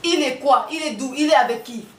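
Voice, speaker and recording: An activist speaker, a woman with a high, slightly fast and somewhat bright voice, delivers an impassioned political and spiritual monologue. She fires off rhetorical questions and repeats her points for emphasis. The recording is reverberant, taken from a distant mic, with a little hiss or hum.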